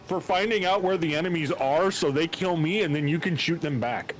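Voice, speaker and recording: A man's voice: a little high, brisk, a little hiss or hum, rough recording. A man chatting casually over voice chat while gaming, joking at his own expense. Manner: self-deprecating, joking. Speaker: player in a group game session. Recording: game music playing behind.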